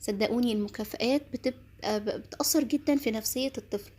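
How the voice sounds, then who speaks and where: An Egyptian woman gives earnest parenting advice straight to mothers at a quick clip. Her voice sits a bit high and has a husky, breathy edge. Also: a little mellow. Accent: Egyptian Arabic. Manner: earnest, advising, addresses mothers directly.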